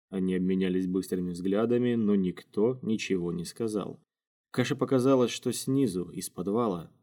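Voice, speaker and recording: A man narrating an audiobook in a steady, measured reading. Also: fairly low pitch. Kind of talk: scripted narration. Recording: faint music underneath.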